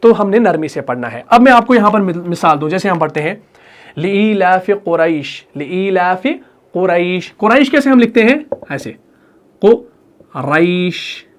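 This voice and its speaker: A man with a Pakistani Urdu accent teaching Quran recitation in an online lesson, patient and repetitive, drawing out his example words slowly. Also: sits high, sing-song. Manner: patient, repetitive, slow drawn-out demonstrations.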